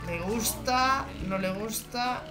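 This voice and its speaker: Excitable Spanish woman gamer. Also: fairly high pitch, takes it slowly. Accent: Spain Spanish. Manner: excitable, squealing exclamations. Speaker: gaming YouTuber. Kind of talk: let's play commentary. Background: game music.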